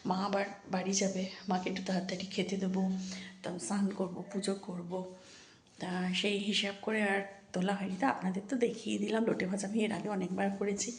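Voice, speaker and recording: Hushed, gravelly-voiced woman vlogger. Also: medium pitch, flat delivery, fast, roomy sound. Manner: hushed, soft-spoken so as not to wake a sleeping child. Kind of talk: casual home vlog chat. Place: at home, indoors.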